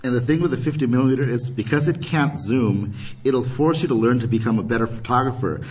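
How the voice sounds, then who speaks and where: A man's voice: mid-range voice, quick pace, darkish tone, husky, recorded from a distance, low-quality recording. A man giving a photography workshop at a convention, talking casually with many ums and restarts. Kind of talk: live convention workshop talk. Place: convention panel room.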